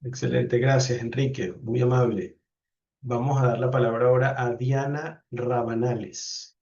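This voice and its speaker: A man's voice: medium pitch, fairly even intonation, a little slow, darkish tone, recorded from a distance, dull audio. A man, a professor, calling on participants one by one in an online class and thanking each of them courteously. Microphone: video call.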